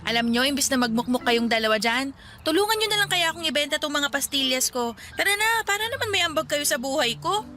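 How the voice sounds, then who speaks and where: An actress playing a cheerful, bossy young street vendor in a radio drama, teasing and preaching with a Filipino accent. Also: female voice, high voice, lively intonation, bright, forceful tone, a little hiss or hum. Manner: brisk, teasing, preachy banter.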